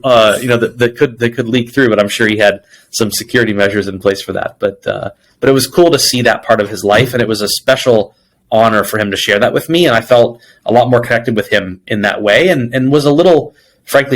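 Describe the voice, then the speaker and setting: On a rough recording, a man with a medium-pitched voice is interviewed as a guest. He's a people executive, and his answers are conversational, full of reflective anecdotes in which he quotes what others said.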